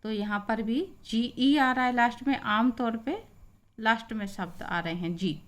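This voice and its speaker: A woman teaching English pronunciation, patiently spelling out example words and repeating each one slowly. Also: on the high side. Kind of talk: slow spoken pronunciation lesson.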